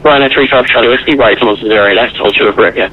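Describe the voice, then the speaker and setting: A man's voice: medium pitch, racing. A man working as an air traffic controller, giving clipped procedural instructions over the radio. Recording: muffled radio, faint noise.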